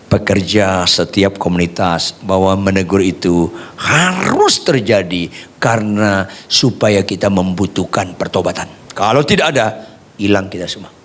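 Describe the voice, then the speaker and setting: A man preaching a sermon as pastor, lively and humorous, swinging between soft asides and raised points. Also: low-pitched, slight background noise.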